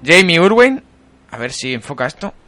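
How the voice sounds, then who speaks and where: Bright-voiced podcast host, laughing. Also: male voice, a little high, big pitch swings, moderate pace, soft background music. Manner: laughs often, storytelling with fillers. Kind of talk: casual chat.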